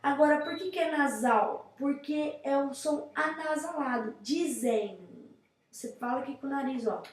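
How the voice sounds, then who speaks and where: A woman's voice: high-pitched, normal speed. A young woman with a Brazilian Portuguese accent explaining grammar in a casual classroom style, often checking in with her listeners. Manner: chatty, addresses viewers with frequent check-ins. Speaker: teacher presenting a grammar lesson. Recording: echoey room.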